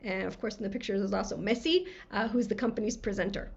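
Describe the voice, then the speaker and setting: An American woman giving a recorded conference talk, friendly and quick-talking, her voice scratchy from a cold. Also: mid-range voice, steady tone, creaky, a little mellow, slightly rough, highs cut off. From USA. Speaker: conference speaker. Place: home room lined with books.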